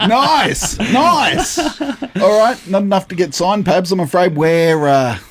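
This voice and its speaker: A man's voice: high voice, normal speed, crowd noise. A man hosting a podcast in casual chat, informal and slangy, often repeating himself. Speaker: podcast host.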